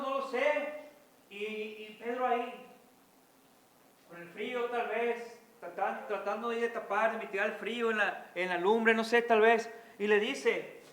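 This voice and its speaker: A man's voice: sits high, bright, forceful tone. A man preaching a sermon with fervent delivery, often calling out to the congregation as brothers and sisters.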